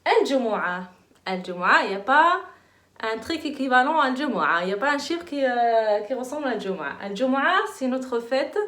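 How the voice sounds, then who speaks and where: A young woman, giving a children's lesson in a playful, animated, encouraging way. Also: a little high, quick pace. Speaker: teacher. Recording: echoey room.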